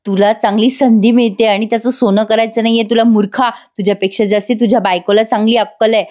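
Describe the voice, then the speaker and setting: A woman's voice: a little high, steady tone, quick pace, darkish tone, lightly acted. A woman voicing a scheming mother who scolds her son sharply in a TV serial recap. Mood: scolding.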